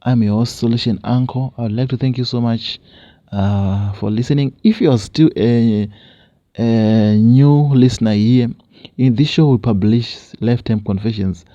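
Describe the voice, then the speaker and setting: A man's voice: mid-range voice, moderate pace, warm tone, no room sound. A male host who reads listener confessions aloud, then preaches to his audience in a repetitive, exhorting way. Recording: dull lo-fi recording.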